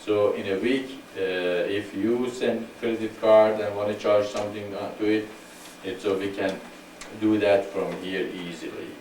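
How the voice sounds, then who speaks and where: A man hosting an online spiritual gathering in casual talk, speaking slowly and deliberately and repeating himself so listeners can follow. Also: lowish voice, little pitch movement, darkish tone. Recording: echoey room, far from mic, faint hiss.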